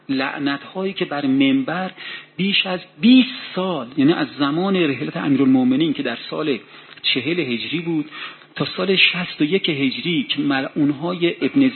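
A man preaching a sermon, telling a story dramatically, his voice rising in heated passages. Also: a little high. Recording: tinny phone-like sound with faint hiss.

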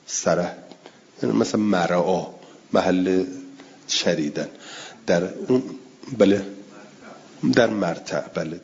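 A man teaching a class, reading out classical passages and then explaining them phrase by phrase, and answering listeners' questions with quick yeses and noes. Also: low voice, a little mellow, highs cut off. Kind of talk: classroom text-study lesson.

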